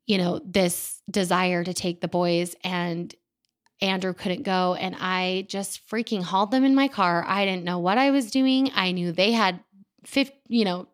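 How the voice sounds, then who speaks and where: Smooth-voiced woman in her thirties, chatty. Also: on the low side, a little slow. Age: 30s. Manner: candid, chatty and self-deprecating. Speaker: podcast host. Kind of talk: casual personal monologue. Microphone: studio microphone.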